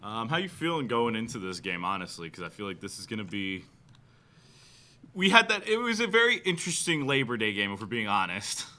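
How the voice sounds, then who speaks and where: A man co-hosting a baseball fan livestream, excitable and quick to laugh. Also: on the low side. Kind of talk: casual fan chat.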